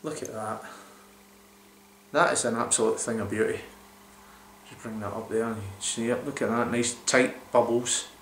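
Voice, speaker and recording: A man's voice: mid-range voice, fairly even intonation, normal speed, fairly bright tone, a little hiss or hum. A man in his forties, rambling enthusiastically with lots of fillers as he reviews a beer to camera in a small room. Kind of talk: casual beer review vlog. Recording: roomy echoey home recording.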